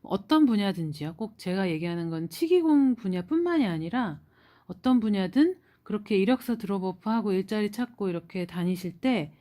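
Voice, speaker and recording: A woman in her forties from South Korea speaks in a mid-pitched voice, telling her story in a relaxed, chatty way. She sounds encouraging and uses plenty of filler words as she goes. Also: normal speed. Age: 40s. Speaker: immigrant sharing a job-hunt story. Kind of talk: casual storytelling vlog.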